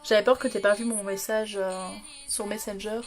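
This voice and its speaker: A woman's voice: mid-range voice, flat delivery, moderate pace, faint music behind. Giggly woman streaming live. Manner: giggly, bubbly, talks to chat by name. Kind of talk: chatty livestream talk to viewers. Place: at home.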